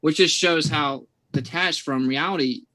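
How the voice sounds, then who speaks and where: A man's voice: on the high side, a little slow, pushed and bright. A man arguing his side in a debate, assertive and lecturing, often adding "okay". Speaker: debate guest. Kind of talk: debate argument.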